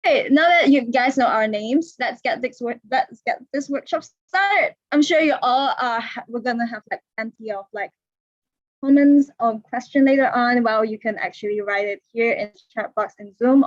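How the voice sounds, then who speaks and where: A twenty-one-year-old woman moderates a casual online workshop panel over a video call, chatty and full of fillers, "like," and restarts. Her voice sits on the high side, with no echo and the highs cut off.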